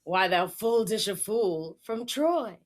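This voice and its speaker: A woman's voice: mid-range voice, lively intonation, slow. A woman playing a scurrilous, sneering fool in hammy, declamatory Shakespearean stage acting. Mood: mocking. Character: scurrilous, sneering fool railing at warriors and lovers.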